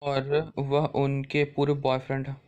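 A man's voice: mid-range voice, monotone, a little slow, a little mellow, highs cut off, lightly acted. A man reading the lines of a stubborn young woman in his own voice, with no acting. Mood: defiant.

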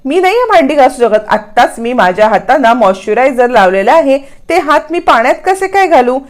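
A woman's voice: sits high, very animated, fairly quick. A woman voicing a vain, haughty woman who refuses housework. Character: fussy, vain older woman avoiding chores.

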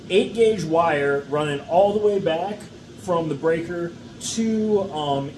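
Middle-aged man, mushroom farmer, casual how-to talk, voice a bit high, lots of "all right?", steady room noise. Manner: chatty, peppered with "okay?" and "all right?". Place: indoor farm room with grow shelves.

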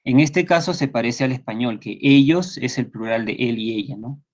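A man's voice: medium pitch, normal speed, darkish tone. Patient Peruvian Spanish male English teacher. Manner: patient, repeats points and checks understanding with students. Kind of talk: online class lecture. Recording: slightly dull lo-fi sound.

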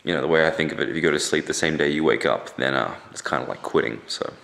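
A young man with an extremely low voice full of creaky fry. His jaw is swollen and sore after dental surgery. He rambles casually in a dry, deadpan way, as in a home vlog. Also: fast, slight background noise. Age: young adult. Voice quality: gravelly, creaky voice. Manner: deadpan, dryly joking. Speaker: vlogger. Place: indoors at home. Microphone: handheld camera at arm's length.

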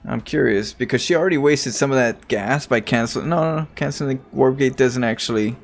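A man commentates a competitive strategy match with a gravelly, creaky edge to his voice. He walks through build orders in an analytical way, with joking banter in between. His pitch sits in an ordinary middle range. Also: brisk, faint music behind. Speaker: esports caster. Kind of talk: live game commentary.

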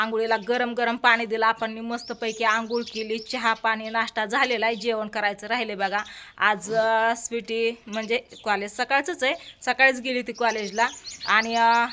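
A middle-aged woman, chatting lively and directly to her viewers in a family vlog. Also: fairly high pitch, a little hiss or hum. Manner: lively, talks straight to viewers. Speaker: vlogger.

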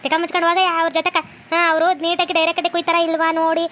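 Woman voicing a shrill bossy mother-in-law. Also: monotone, a bit bright, a little hiss or hum. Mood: scolding. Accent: North Karnataka Kannada. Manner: scolding, rapid-fire bossy. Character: bossy scolding mother-in-law, middle-aged. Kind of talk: cartoon comedy voice acting.

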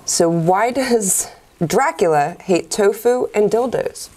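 A woman's voice: mid-range voice, animated, slow pace, a little mellow. A woman telling a dad joke in banter, setup first and then the punchline. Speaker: joke challenge contestant. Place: small dark studio room, seated at a table.

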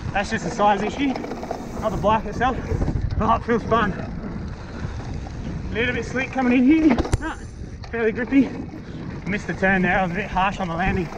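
Chatty man reviewing a mountain bike. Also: high voice. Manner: relaxed and chatty, gets excited while riding. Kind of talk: casual ride-along bike review. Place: outdoors on a bush bike trail. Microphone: helmet or bike-mounted action camera. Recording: faint wind noise on the mic.

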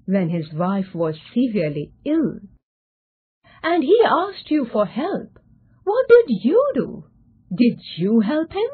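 A woman's voice: fairly high pitch, sing-song, slow pace, husky, full character voice. A woman voicing a grave inner voice of conscience that questions a young man sternly. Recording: tinny phone-like sound.

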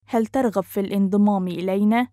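A woman's voice: medium pitch, quick pace, mellow, no room sound, clean studio sound. A woman teaching phrases to learners, saying each one whole and then word by word. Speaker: language teacher. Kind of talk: slow phrase drilling for learners.

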